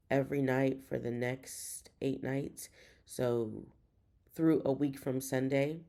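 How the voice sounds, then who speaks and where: Chatty woman with a gravelly, dark voice. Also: extremely low pitch. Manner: chatty, rambling, upbeat. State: winded. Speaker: reseller vlogger. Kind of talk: casual vlog update.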